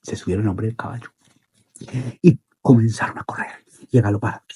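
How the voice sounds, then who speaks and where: A man telling a children's story in an expressive, repetitive way with dramatic pauses. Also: lowish voice, husky.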